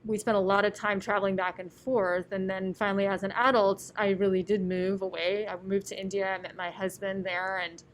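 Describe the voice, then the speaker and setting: A young woman interviews a guest in an upbeat, friendly manner, with a voice of middling pitch. A low hum of room ambience sits faintly behind her. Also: flat delivery, fairly quick, few pauses. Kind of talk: conversational interview.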